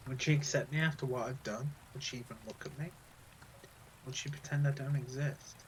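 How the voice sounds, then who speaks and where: A young man reading the lines of a guilt-ridden sixteen-year-old boy in a quiet, halting, despairing way, with game music behind. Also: medium pitch, fairly even intonation, a little hiss or hum, close to an everyday voice, rough recording. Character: troubled teenage boy full of guilt.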